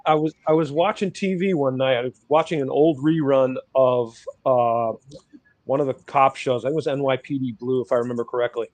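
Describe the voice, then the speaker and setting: A man's voice: medium pitch, steady tone, brisk, darkish tone, no echo. A man, a guest on a podcast, speaking in an emphatic, impassioned and profane manner. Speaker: podcast guest, rights activist. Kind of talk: casual chat.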